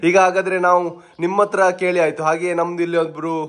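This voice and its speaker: A young man, teasing his family with rapid questions in a playful vlog chat. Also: sits high, flat delivery, fairly bright tone. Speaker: vlogger interviewing family members.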